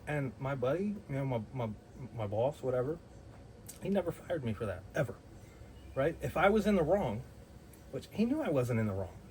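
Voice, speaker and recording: Man, heated storytelling, blunt, profane, average pitch, faint ambient noise. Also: sing-song, moderate pace, darkish tone, poor audio. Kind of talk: casual storytelling.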